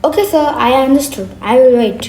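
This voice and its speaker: A woman playing a polite young foreign woman who speaks slow, careful English. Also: sits high, lively intonation, darkish tone, a little hiss or hum, exaggerated voice.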